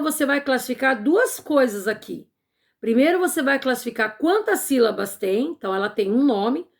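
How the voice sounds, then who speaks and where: A woman's voice: high-pitched, creaky. A woman teacher with a Brazilian accent, patiently explaining a grammar lesson to children step by step. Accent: Brazilian Portuguese. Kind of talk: remote Portuguese lesson for children.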